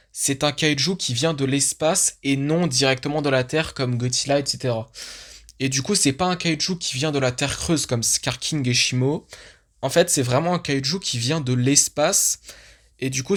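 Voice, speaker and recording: An enthusiastic fan vlogger talks through a film teaser on screen. The delivery is loose and chatty, full of restarts and verbal fillers, and recorded at a home desk microphone. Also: mid-range voice. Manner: chatty, thinking aloud with many restarts and fillers. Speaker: YouTube channel host. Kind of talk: casual commentary on a film teaser.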